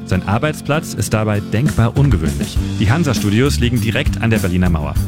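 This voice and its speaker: A man reading a scripted radio feature in a steady, informative storytelling manner. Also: lowish voice. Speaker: radio reporter and narrator. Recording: narration over loud music bed.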